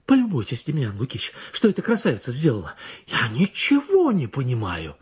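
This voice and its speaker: A man voicing an excitable young male country doctor in an audiobook, exclaiming often. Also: medium pitch, brisk, husky, lo-fi sound, voice pushed up, heavily acted. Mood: agitated.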